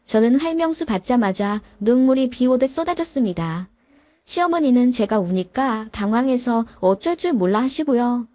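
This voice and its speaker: Woman narrator, high pitched, dry close sound, dramatic first-person storytelling. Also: expressive, moderate pace, mellow, dry recording.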